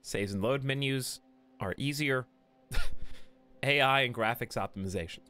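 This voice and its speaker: Faint game music plays under a man streaming a game from home, talking into a desk mic despite having a cold. His medium-pitched voice is unhurried, bright, and forceful as he chats casually, says hello to viewers, and makes jokes.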